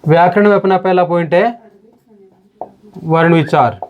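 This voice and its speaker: Male grammar teacher, high voice, lecture delivery with rhetorical questions, dull lo-fi recording. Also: unhurried, a little hiss or hum. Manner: explains step by step with rhetorical questions. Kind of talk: classroom-style lecture. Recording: dull lo-fi sound.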